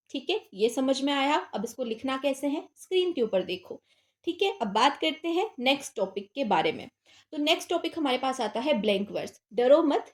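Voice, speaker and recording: A young woman teaches literature in a relaxed, chatty lecture, her voice sitting a little high. She keeps posing questions to her students and answering them herself. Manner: conversational, asks and answers own questions. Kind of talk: casual Hindi exam-prep lecture.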